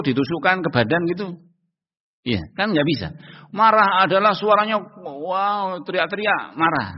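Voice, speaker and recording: A man's voice: fairly high pitch, slightly rough. A man giving a religious study lecture as a preacher, often asking his listeners whether they understand and posing rhetorical questions. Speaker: Islamic preacher. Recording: dull sound in long-reverb hall.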